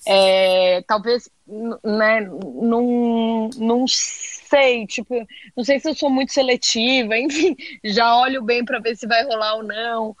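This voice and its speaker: A Brazilian woman with a somewhat high voice co-hosts a casual podcast. She talks hesitantly and pokes fun at herself, recorded dry and close. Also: steady tone, takes it slowly, few pauses, no echo. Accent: Brazilian Portuguese. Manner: hesitant, self-deprecating.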